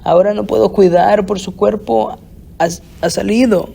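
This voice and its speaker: A male preacher speaking as a grieving, devoted woman disciple, in a slow, earnest first-person paraphrase. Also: high voice, fairly even intonation, creaky, dark tone, pitched above the performer's own voice, heavily acted.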